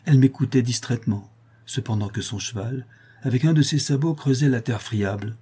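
A man narrating a literary novel as an audiobook in a measured, expressive reading. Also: medium pitch, slightly rough.

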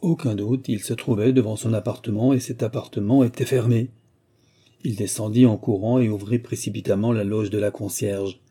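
Male narrator, dark husky low voice, measured literary reading. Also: steady tone. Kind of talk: scripted audiobook narration.

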